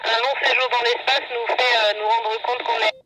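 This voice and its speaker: A woman from France, an astronaut answering questions in a halting, conversational way over a radio headset link. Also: fairly high pitch, very animated. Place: aboard a space station. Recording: very noisy amateur radio transmission. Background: loud radio static.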